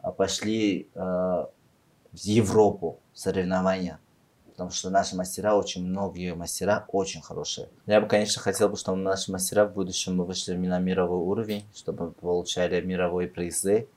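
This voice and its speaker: Low-voiced man with an Uzbek accent. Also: level tone, normal speed, a little mellow. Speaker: podcast guest, beauty industry professional. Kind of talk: conversational interview answers.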